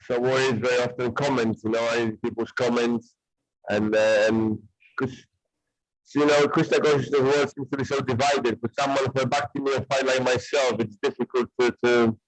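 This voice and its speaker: A Polish man in his forties, a guest on a casual video call, speaks hesitantly with a Polish accent, searching for words. His mid-range voice moves at a moderate pace with fairly even intonation. The audio is poor, with no room sound and soft music in the background.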